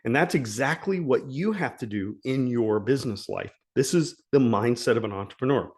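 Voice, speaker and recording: A man speaking as a life coach, delivering a motivational talk in an earnest, emphatic way. He leans on key phrases and repeats them to drive the point home. His voice sits at an ordinary middle pitch. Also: expressive, moderate pace.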